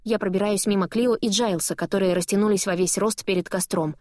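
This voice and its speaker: A woman narrating a novel in first person with a lively, dramatic reading. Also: medium pitch, a little fast, dry recording, studio quality. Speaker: audiobook narrator.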